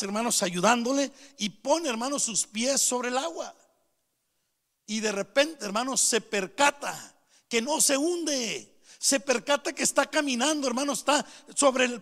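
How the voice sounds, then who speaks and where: A middle-aged man preaches in a very high voice. He tells stories and keeps calling out to his congregation. His voice rings through the church hall with a long echo. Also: fairly bright tone. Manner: storytelling, keeps calling out to the brethren. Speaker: pastor. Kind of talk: sermon.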